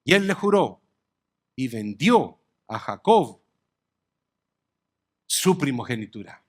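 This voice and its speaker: A man preaching a sermon slowly and emphatically, his voice rising and dropping sharply between phrases. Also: mid-range voice, very animated. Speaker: pastor.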